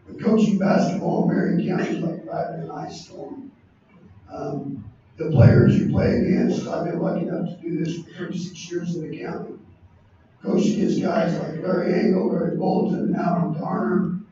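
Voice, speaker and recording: Hoarse man in his sixties, dark voice. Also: high voice. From Indiana, USA. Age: 60s. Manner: earnest, lists names and values. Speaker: award inductee, basketball coach. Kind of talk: acceptance speech. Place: large banquet hall. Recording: echoey hall, distant muffled mic, faint noise.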